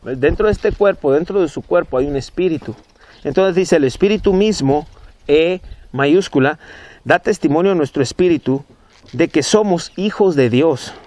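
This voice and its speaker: A man's voice: fairly high pitch, normal speed, darkish tone, dry recording. A man teaching from the Bible, emphatic and repetitive, his voice jumping up on key words. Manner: emphatic, rising on key words, repeating phrases. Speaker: preacher.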